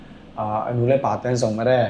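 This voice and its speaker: Fast-talking man in an echoey room. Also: mid-range voice, flat delivery, dark tone. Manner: rapid, rambling storytelling with filler sounds. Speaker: podcast guest, dancer. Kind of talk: casual podcast chat. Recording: echoey room with faint ambient noise.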